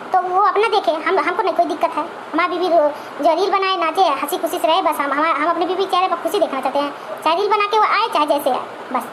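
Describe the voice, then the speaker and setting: A very high, quick cartoon voice for a protective young husband, as a woman plays him. He rattles on in his wife's defense. There is a noisy hiss behind the voice. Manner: reassuring, indignant. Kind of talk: cartoon comedy voice acting. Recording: noisy amateur recording.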